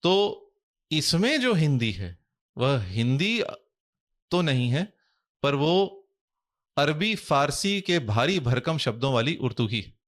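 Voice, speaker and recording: A man speaking as a guest in a podcast interview, measured and explanatory, using formal, Sanskrit-heavy Hindi. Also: on the high side, very animated, a bit bright. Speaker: guest scholar.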